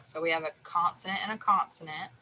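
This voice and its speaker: A woman's voice: fairly low pitch, fairly even intonation, fast talker, sharp tone, a little hiss or hum, poor audio. A woman teacher explaining a phonics lesson patiently, sounding out letters and syllables step by step.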